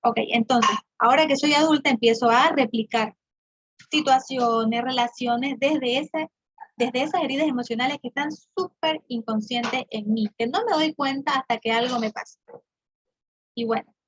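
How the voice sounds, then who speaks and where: A woman's voice: high voice, normal speed, husky, dry recording, lo-fi sound. A woman psychologist giving a prevention talk to women, explaining step by step with examples and checking in often with her listeners. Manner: checks in often with "¿no es cierto?" and "¿bien?".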